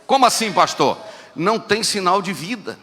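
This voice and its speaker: A man with a Minas Gerais Brazilian accent preaching a lively sermon as pastor, moving between quiet asides and shouted exhortations. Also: high voice, moderate pace. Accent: Brazilian Portuguese, Minas Gerais. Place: church sanctuary. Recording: echoey church hall with faint noise.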